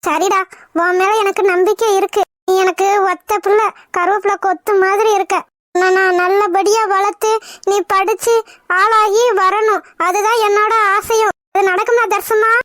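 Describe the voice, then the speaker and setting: A woman's voice: very high voice, little pitch movement, moderate pace, fairly bright tone, no room sound, clean studio sound. A woman voicing a struggling widowed mother in a cartoon, pleading and emotional. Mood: tearful. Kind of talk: cartoon voice acting.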